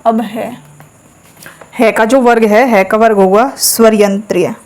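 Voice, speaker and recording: A woman teaching a lesson, explaining step by step, asking questions and answering them herself, and saying sounds aloud slowly for practice. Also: on the high side, steady tone, darkish tone. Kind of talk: classroom lesson.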